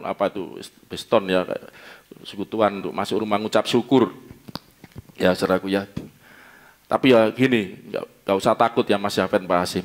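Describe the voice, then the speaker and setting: Lively Javanese-accented pastor, chatty and joking. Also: male voice, medium pitch. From East Java. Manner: chatty, joking, laughs often, asks the congregation questions. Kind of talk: conversational sermon. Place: church service.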